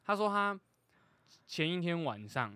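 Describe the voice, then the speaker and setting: A young man with a Taiwanese accent chats on a comedy podcast. His voice is high and bright, captured close and dry. He tells stories excitedly, with casual swearing. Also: a little slow, clean tone, no room sound. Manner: animated storytelling, swearing, excitable. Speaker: podcast co-host.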